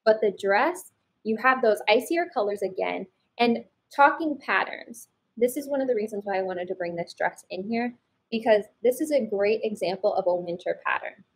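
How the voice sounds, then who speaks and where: A woman's voice: medium pitch, lively intonation, moderate pace, breathy edge, poor audio. A woman hosting a casual fashion color chat, upbeat and explaining things to viewers. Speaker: color analyst host.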